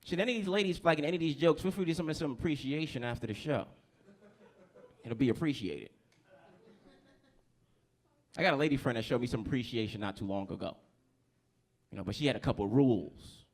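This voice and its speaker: A man's voice: medium pitch, fairly quick, long pauses. A young adult man from New Jersey doing a stand-up comedy set, loose and crude, teasing the crowd on a handheld mic. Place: comedy club stage.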